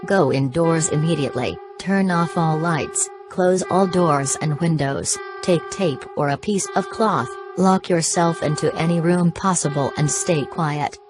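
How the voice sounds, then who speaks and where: In a scripted broadcast, a woman with a deep voice plays a formal emergency alert announcer. Her delivery is stilted and sounds synthetic.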